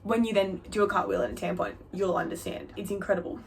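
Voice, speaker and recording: A young woman vlogger chatting candidly to camera, her voice jumping up high for emphasis. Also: steady tone, fast, gravelly, a little hiss or hum. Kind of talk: casual storytelling to camera.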